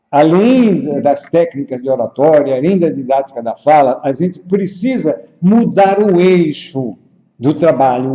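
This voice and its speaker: Measured man teaching in an echoey room. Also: a little high, mellow. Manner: measured, unhurried, with frequent pauses and "né?" tags. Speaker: public speaking coach. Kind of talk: explanatory lesson at a whiteboard. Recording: roomy, echoey, dull lo-fi sound.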